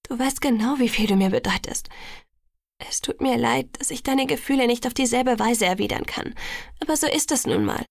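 A woman's voice: fairly high pitch, normal speed, vocal fry, dry recording, studio quality, pitched above the performer's own voice. A woman voicing an anxious, guilt-ridden young woman in an audiobook, defensive and self-reproaching.

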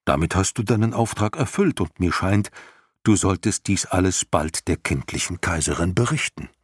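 A man voicing a wise, calm old male luck dragon in an audiobook reading, speaking patiently and persuasively. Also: deep voice, normal speed, slightly rough, no room sound, clean studio sound. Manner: patient, reasoning, gently persuasive.

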